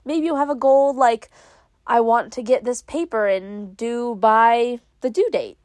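She speaks at a measured pace in a fairly high, slightly mellow voice, with no room sound. A young woman from New England, she hosts her own podcast and chats casually, rambling and self-mocking despite a stuffy cold.

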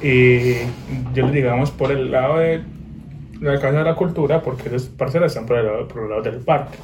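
Young man, animated slangy storyteller, mellow tone, faint hiss. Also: fairly quick, echoey room. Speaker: guest. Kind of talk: casual chat. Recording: noisy low-quality recording.

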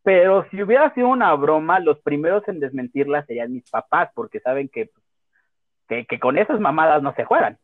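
Hombre mexicano joven, voz de teléfono. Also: male voice, on the high side, fairly quick, no room sound. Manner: slangy, animated, swearing, laughing. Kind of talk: casual storytelling. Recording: tinny phone-like audio.

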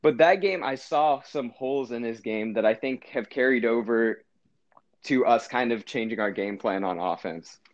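A man's voice: mid-range voice, normal speed, lo-fi sound. A man co-hosting a casual sports podcast, rambling and correcting himself as he talks through his team's season. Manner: rambling, self-correcting, animated. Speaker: podcast co-host.

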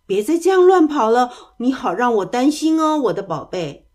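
A woman voicing a gentle, doting mother duck in a children's storybook, cooing and tender. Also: fairly high pitch, sing-song, normal speed.

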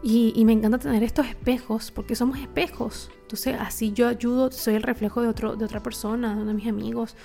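Confiding woman with mellow voice. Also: on the high side, fairly even intonation, a little fast, gravelly, hardly any pauses, soft background music. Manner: reflective, confiding, many fillers. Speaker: vlogger. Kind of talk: personal storytelling to viewers.

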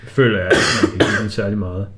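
A man's voice: lowish voice, fairly even intonation, crowd noise. A man with a Danish accent, co-hosting a podcast in loose, casual film conversation. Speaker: podcast co-host.

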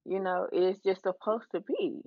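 A woman's voice: mid-range voice, normal speed, dry recording. Candid laughing woman, dry dull sound. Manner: candid, laughing, swears freely. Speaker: guest, adult toy shop owner. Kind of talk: casual podcast chat.

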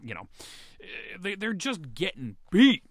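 A man's voice: sits high, a little slow, dry recording, studio quality. A man co-hosting a podcast, ranting in casual sports chat, frustrated and swearing. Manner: frustrated, swearing, lively rants. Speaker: podcast co-host.

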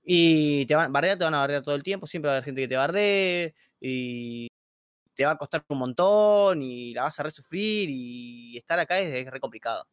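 A young man with a Rioplatense Argentine accent, talking in slangy, animated bursts on a livestream chat. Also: a little high, normal speed, clean tone, dry recording, studio quality. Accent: Rioplatense Spanish. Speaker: streamer guest. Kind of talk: casual chat on a stream.

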